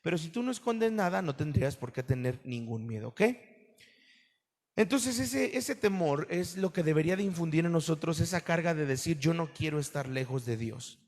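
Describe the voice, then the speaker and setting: Pastor, male, raised voice, lively sermon delivery, recorded in a reverberant church hall. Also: on the high side, normal speed. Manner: animated preaching to a congregation, asks questions.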